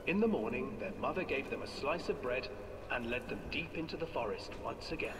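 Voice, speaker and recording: A man's voice: mid-range voice, brisk, recorded from a distance, heavy background noise, natural voice. Eerie storybook narrator, a man, echoing from afar. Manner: lively, theatrical storyteller. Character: eerie male ride narrator, adult. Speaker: fairy tale narrator of a ride. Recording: echoey hall heard from afar, music.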